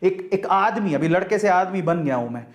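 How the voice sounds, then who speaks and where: Young Indian male motivational speaker with a Punjabi-tinged accent and a higher voice. Loose, conversational delivery that mixes Hindi and English. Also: expressive, normal speed, reverberant. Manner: casual, chatty, mixes Hindi and English, drops into Rajasthani and Haryanvi.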